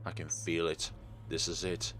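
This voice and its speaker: A man with a low voice and a completely flat delivery reads a visual novel at a moderate pace, yet the reading is theatrical and emphatic with interjected reactions. He mixes in casual let's-play commentary over a clearly noisy background.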